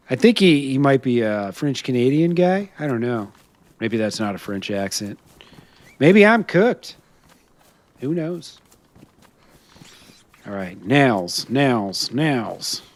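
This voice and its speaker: A man's voice: a little slow, long pauses. A man streaming a survival game, chatting in character and to his viewers, laughing often as he talks. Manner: chatty, laughs often, lively swings in pitch. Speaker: streamer playing a role-play character. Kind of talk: live gameplay role-play chat.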